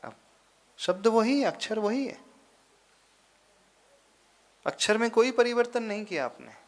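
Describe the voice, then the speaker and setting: A man, a monk, giving a sermon in a slow, deliberate teaching manner, pausing often and rising into sudden emphasis. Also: sits high, lively intonation. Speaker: Jain monk giving a discourse.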